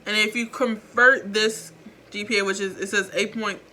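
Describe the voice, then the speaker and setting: A woman's voice: medium pitch, fairly even intonation, normal speed, pushed and bright, a little hiss or hum. A teenage girl vlogging about her school credits and grades in a rambling, chatty, self-mocking way. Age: teens. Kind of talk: casual chat. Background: faint background music.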